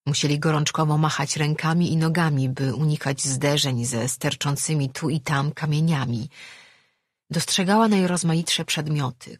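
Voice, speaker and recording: A woman reading a story aloud in a steady, measured narration. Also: low voice, slightly rough, dry recording, clean studio sound. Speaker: audiobook narrator. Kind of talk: scripted narration.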